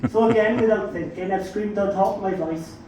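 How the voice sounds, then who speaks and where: On a comedy club stage, a South Welsh stand-up tells brash, sweary, self-mocking stories, raising his voice for punchy punchlines. His voice sits high, warm and a little fast, recorded from a distance in the echoey club with slight background noise.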